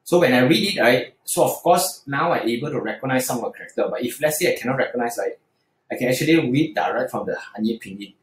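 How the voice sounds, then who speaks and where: Man, mandarin tutor, hesitant, lots of fillers, echoey room, mid pitch. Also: expressive, quick pace. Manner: hesitant, frequent fillers and restarts. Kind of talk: screen-recorded tutorial explanation.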